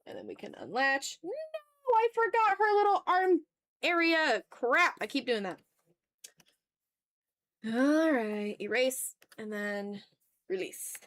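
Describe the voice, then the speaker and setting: Speaking slowly with long pauses, this woman has a high-pitched, fairly bright voice that swings widely in pitch, with no room sound. She rambles casually while drawing on an art livestream, reads viewer comments aloud, swears now and then, and pokes fun at herself.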